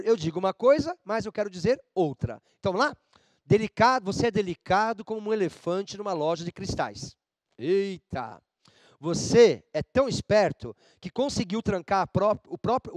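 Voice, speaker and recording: Brazilian male teacher, high animated voice, dry studio sound, playful lecture. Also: no room sound. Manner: animated, playful, addresses students directly. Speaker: Portuguese teacher. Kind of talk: lively televised class lecture.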